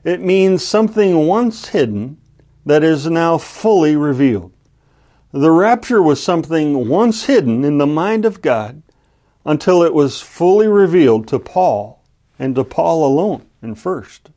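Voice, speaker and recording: A man's voice: fairly high pitch, unhurried. Man preaching a radio Bible sermon. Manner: storytelling with lively acted-out exclamations. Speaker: pastor.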